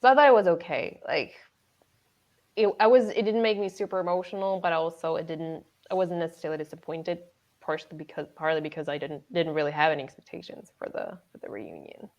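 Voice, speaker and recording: A woman's voice: deep voice, brisk. A woman co-hosting a casual book podcast, hesitant and full of restarts and fillers. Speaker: podcast co-host. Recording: dull lo-fi audio.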